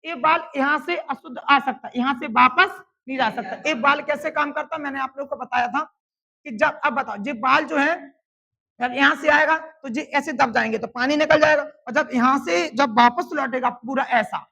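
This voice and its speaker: A woman teaching a classroom science lesson. She drills the students with call-and-response questions and repeats the answers slowly and loudly for emphasis. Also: sits high, vocal fry.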